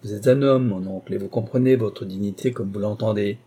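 A man reading an audiobook who voices a calm, dignified young magistrate speaking in a cool, composed, firm way. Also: fairly low pitch, a little fast, husky.

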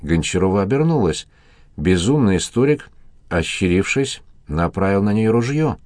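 A man narrating an audiobook in a steady, even reading voice. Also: low-pitched, normal speed, no echo, clean studio sound. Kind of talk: scripted narration.

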